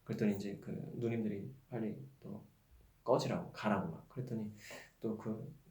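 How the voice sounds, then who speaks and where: A man's voice: fairly low pitch, steady tone, normal speed, warm tone. Man, pastor, sermon, personal storytelling, emphatic questions, echoey church hall. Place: church sanctuary. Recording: roomy church echo.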